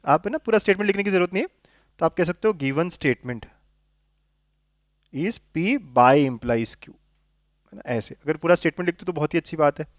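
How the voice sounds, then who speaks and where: A man's voice: a little high, no room sound. Man teaching maths, coaxing tone. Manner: coaxing, keeps checking understanding with tag questions. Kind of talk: explaining lesson to students. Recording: dull lo-fi sound, dry.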